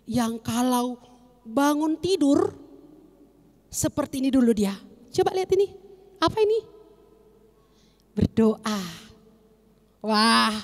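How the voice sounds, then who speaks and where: A young woman teaching children at Sunday school, animated, asking questions and answering them herself. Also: high voice, in a large hall.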